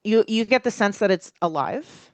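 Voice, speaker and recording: A woman's voice: mid-range voice, normal speed, a little mellow, no echo. A woman game master improvising tabletop narration, piecing descriptions together hesitantly as she goes.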